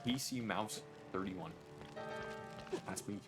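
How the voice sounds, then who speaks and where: A man's voice: lowish voice, takes it slowly, loud music behind the voice. A man streaming a game, chatting casually and jokingly to his viewers. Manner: chatty, addresses chat directly, jokey.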